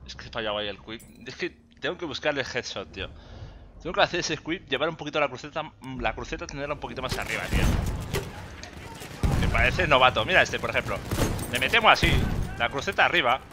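A man with a Spain Spanish accent giving joking, excitable gameplay commentary and swearing often. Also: mid-range voice, fast talker, noisy background. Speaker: gaming YouTuber. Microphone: desk USB microphone. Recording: loud game gunfire behind. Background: gunfire and explosions from the game.

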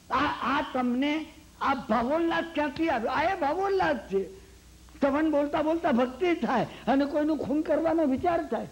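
A man giving a Jain sermon in a Gujarati accent. He tells a long story, acts out the characters' lines and keeps asking his listeners if they follow. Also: very high-pitched. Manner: lively storytelling, acts out quoted lines, asks the hall "samjya ne?". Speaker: Jain lecturer.

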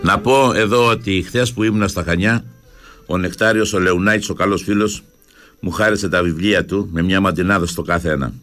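Deep-voiced Cretan radio host. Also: male voice, steady tone, fairly bright tone, soft background music. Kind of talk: radio chat and poetry reading.

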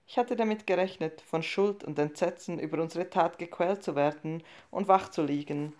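A woman narrating a short story as an audiobook reading, in a calm, measured and subdued way. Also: lowish voice.

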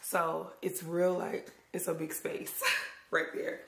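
Young female vlogger, hoarse and worn out, lowish pitch, slangy casual delivery, noisy room recording. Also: level tone, slow pace. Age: young adult. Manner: informal, slangy. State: hoarse, losing her voice. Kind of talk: casual vlog chat to camera. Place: bare indoor room. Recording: echoey room, clear background noise.

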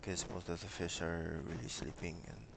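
A young man from Micronesia answering interview questions over a headset on a video call, hesitant and pausing with many fillers. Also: sits low, level tone, creaky, background noise. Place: small room with bookshelves, indoors.

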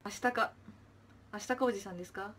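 With a mid-range voice and a quick delivery, a young idol chats on a livestream over slight background noise. She voices viewer comments, chirps thank-yous, and fades into soft murmuring.

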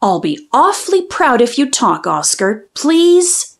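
Reading slowly in a high voice, a woman performs a children's picture book with a lilting, expressive delivery. She stretches out each rhyming line.

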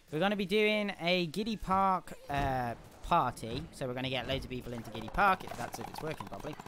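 A young man commenting live on a game he is playing, chatting with viewers and breaking into loud cheers and yelps. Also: a little high, noisy background. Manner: chatty, answers viewers' questions. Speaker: gaming streamer.

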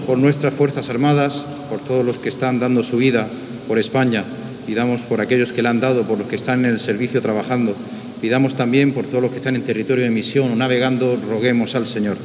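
A male reader recites church intercessions in a formal, orderly way. His voice sits at a middle pitch. Cathedral echo surrounds it, with a faint hiss underneath. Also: steady tone, fast talker, a little mellow. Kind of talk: formal liturgical petitions. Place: large church, indoors. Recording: cathedral echo, clearly hissy noise.

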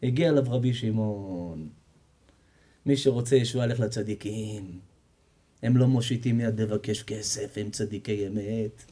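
A man, a rabbi, giving a sermon full of stories, acting out the characters and joking with the audience. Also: on the low side. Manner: animated storytelling, acts out characters, jokes and quizzes the audience. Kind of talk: sermon with storytelling.

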